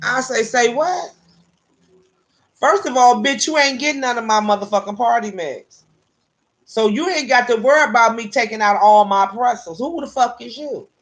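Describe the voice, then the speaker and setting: A woman's voice: on the high side, moderate pace. A woman casually telling a personal story, profane and laughing often between lines. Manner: animated, with vernacular grammar.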